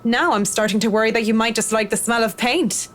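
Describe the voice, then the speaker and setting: A woman's voice: fairly high pitch, brisk, voice pushed up, natural voice. A woman voicing a blunt, cynical woman interior designer who speaks dryly and curtly in a visual novel read aloud. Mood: lecturing. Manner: dry, curt and lecturing.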